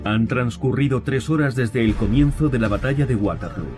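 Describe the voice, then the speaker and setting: A man's voice: mid-range voice, normal speed. A man reading scripted narration for a history documentary. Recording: music behind the voice.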